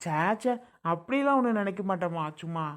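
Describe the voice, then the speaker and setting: A woman's voice: medium pitch, expressive, a little fast. A woman speaking mildly and reassuringly in a comic family skit.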